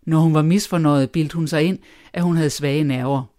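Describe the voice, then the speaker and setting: A narrator reading an old novel aloud in a steady, measured tone. The voice sits in a middle register and stays calm and even throughout. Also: medium pitch. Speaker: audiobook narrator. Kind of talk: scripted literary narration.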